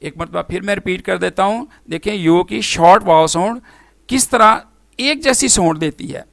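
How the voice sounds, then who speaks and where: A man teaching an English phonics lesson to students, spelling words out letter by letter and then pronouncing them slowly and formally. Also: sits high, creaky, fairly bright tone, no echo. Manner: formal, addresses students directly.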